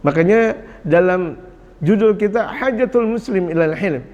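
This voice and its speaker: Lively high-voiced preacher. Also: male voice, unhurried, dull audio. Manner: lively, jokes and acts out scolding parents. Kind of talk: sermon.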